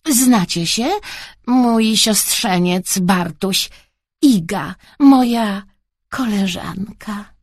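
A woman's voice: mid-range voice, drawn-out words, dry recording, studio quality. A woman voicing a shy young man, an uncle, in an audiobook story, talking awkwardly and mumbling.

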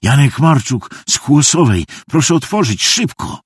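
A man's voice: high voice, very animated, slow pace, no room sound, voice pushed up, full character voice. A man doing a breathless, stammering boy. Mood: urgent, panicked. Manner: urgent, stammering, hoarse whisper.

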